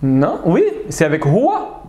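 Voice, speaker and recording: A man's voice: on the high side, a little slow, echoey room, slight background noise. A man teaching an Arabic grammar class online, explaining patiently and checking in with his students often. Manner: animated, checks understanding with frequent "d'accord?".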